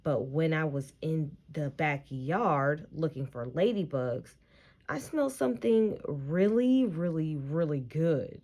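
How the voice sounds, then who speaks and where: A woman reading a children's picture book aloud, expressively and deliberately, stressing key words as she tells the story. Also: deep voice, lively intonation, dark tone.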